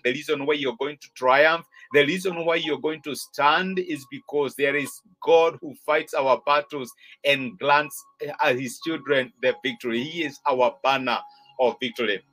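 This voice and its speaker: A man's voice: fairly high pitch, fairly bright tone, rough recording. A man preaching a sermon, exhorting his listeners in an earnest way and repeating phrases for emphasis.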